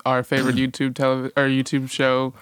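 A man's voice: mid-range voice, monotone, fairly quick, a bit bright, clean tone, no echo. A man co-hosting a podcast in casual chat, talking with a chatty, giggly enthusiasm. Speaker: podcast co-host.

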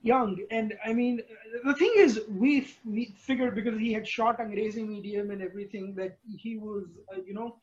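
Male podcast host, Indian accent, high-pitched, halting with repeated words, dull lo-fi recording. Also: flat delivery, slightly rough. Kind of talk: casual podcast discussion.

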